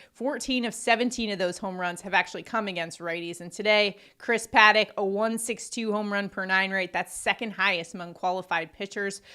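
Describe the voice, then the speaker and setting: A woman's voice: mid-range voice, fairly bright tone. Casual: woman co-host doing baseball prop picks, upbeat, lots of numbers. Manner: upbeat, stat-heavy delivery. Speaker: co-host of a sports betting show. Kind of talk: scripted sports betting picks.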